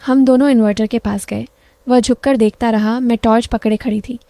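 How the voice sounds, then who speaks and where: A woman narrating an emotional first-person story, soft and confessional. Her voice is somewhat high yet mellow and warm. The recording is close and dry. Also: steady tone, brisk, no room sound.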